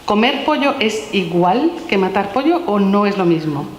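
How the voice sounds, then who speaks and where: A woman reads a stream of gentle questions from a children's philosophy book aloud to an audience. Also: mid-range voice, big pitch swings, moderate pace, a little hiss or hum. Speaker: author presenting her book. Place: large echoey room at a public talk. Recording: roomy hall with long reverb.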